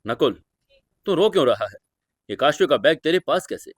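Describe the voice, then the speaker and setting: A man's voice: on the high side, sing-song, moderate pace, no room sound, studio quality. A man voicing a worried young adult daughter who asks anxious questions.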